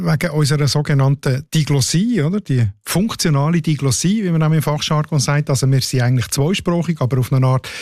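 A man's voice: fairly high pitch, a little mellow, no room sound, clean studio sound. A man with a Swiss German accent explaining language matters on a radio show, often ending his sentences with a questioning tag. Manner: explanatory, tags sentences with "oder?". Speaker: language expert co-host.

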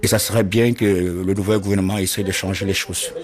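A man from Cameroon, interviewed about his situation, speaking earnestly and haltingly, often repeating words as he searches for them. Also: low-pitched, level tone. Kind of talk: interview testimony.

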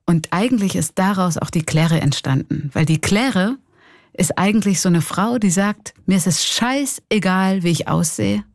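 A middle-aged woman with a Swiss German accent, a clown and comedian, speaks candidly and reflectively in an interview, laughing often. Her lowish voice has vocal fry and a moderate pace, captured in clean studio sound with no echo.

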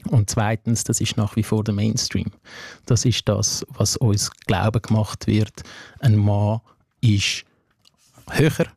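A young man who grew up in Switzerland after coming from Afghanistan, speaking with a Swiss German accent as an interview guest, earnest and measured, often breaking in with "hey" asides. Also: fairly low pitch, steady tone, gravelly, darkish tone, husky, no room sound. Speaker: social worker, interview guest. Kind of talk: reflective interview talk.

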